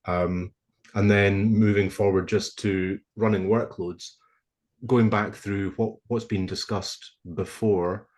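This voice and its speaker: A man on a video call presenting a technical proposal to a committee, speaking in a measured, hesitant way with frequent ums and restarts. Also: lowish voice, level tone, darkish tone. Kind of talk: presenting a proposal over shared slides. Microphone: computer mic on a video call.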